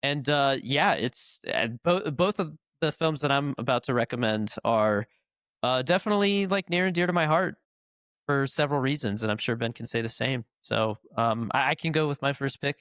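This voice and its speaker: The speaker is a filmmaking podcast co-host whose cold leaves him nasal and congested while he rambles casually with fillers and restarts. He talks at normal speed in a mid-range, clear, resonant voice with a fairly bright tone, recorded dry at studio quality.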